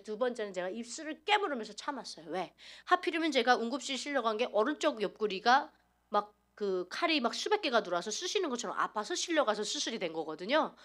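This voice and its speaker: A woman from North Korea gives a church testimony in a high voice. Her pitch swings widely. She talks in an animated, dramatic way and acts out each past scene. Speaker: testimony speaker at a church service.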